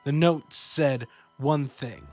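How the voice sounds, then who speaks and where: A man co-hosting a podcast, reading a horror story aloud in a slow, steady storytelling way. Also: medium pitch, faint music behind. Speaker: podcast co-host.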